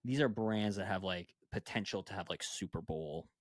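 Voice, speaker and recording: A young adult man hosts a casual podcast, chatting loosely and leaning on "like" as filler. His voice is on the lower side. The recording is dry and close-miked. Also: moderate pace, no echo. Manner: casual, filler-heavy, says "like" constantly. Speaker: podcast host.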